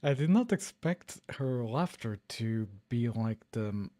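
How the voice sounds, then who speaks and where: Slow, easygoing man chatting on a stream. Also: medium pitch, expressive, warm tone. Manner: unhurried, chuckles often, trails off mid-sentence. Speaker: streamer hosting a coding stream. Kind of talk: relaxed live-stream chat.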